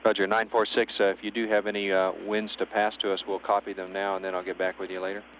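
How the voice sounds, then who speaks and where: A man's voice: lowish voice, level tone, fast. A man working as a spacecraft communicator, speaking in clipped, procedural phrases over a radio link. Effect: radio transmission. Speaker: mission control spacecraft communicator. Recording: dull narrowband radio, faint hiss and hum.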